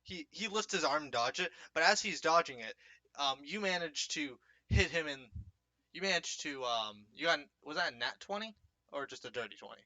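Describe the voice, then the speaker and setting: A man's voice: fairly high pitch, expressive, moderate pace, pushed and bright, no room sound. A young man narrating a tabletop game as game master, hesitant, with many fillers and restarts.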